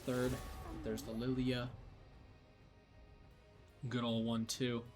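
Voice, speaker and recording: A man's voice: medium pitch, completely flat delivery, slow pace, a little mellow, soft background music. A young man casting a college esports match in casual, rambling commentary, sleepy and yawning, with lots of fillers and restarts. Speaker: esports caster.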